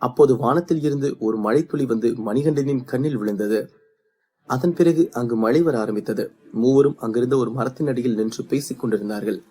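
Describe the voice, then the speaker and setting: A man narrating a serialized story in a steady, even reading voice. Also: medium pitch, a little fast.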